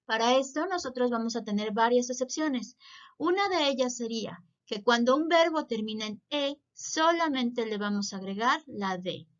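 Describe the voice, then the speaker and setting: A woman teaching English grammar in Spanish, giving clear step-by-step explanations and pronouncing English example words. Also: a little high, animated, normal speed, muffled recording.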